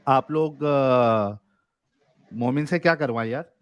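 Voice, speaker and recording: A man hosting a livestream debate show speaks slowly at medium pitch, recorded with lo-fi sound and no echo. He reads viewer messages aloud in a joking, casual way, often laughing.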